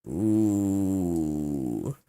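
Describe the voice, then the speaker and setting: A young man giving casual reaction commentary, slangy and exasperated, with sudden loud outbursts. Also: low-pitched, expressive, extremely slow, clear, resonant tone, dry recording. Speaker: content creator.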